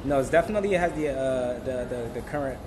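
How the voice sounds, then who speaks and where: A man who grew up in Congo, interviewed as a musician outdoors on a city street, talking in a relaxed, easygoing way with many restarts. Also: medium pitch, fast, noisy background. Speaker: musician guest.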